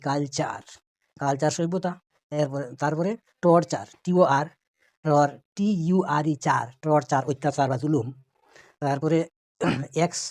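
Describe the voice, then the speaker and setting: A man's voice: fairly high pitch, darkish tone, dry recording. A man giving an online English pronunciation lesson, patiently spelling out words letter by letter. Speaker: English teacher.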